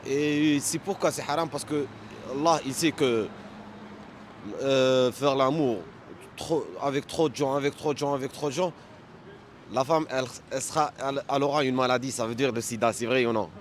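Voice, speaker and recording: This street interviewee, an Arabic-speaking man using French as a second language, argues haltingly and insistently in a public debate, repeating himself often. His pitch is medium and his tone steady, with slight noise in the background.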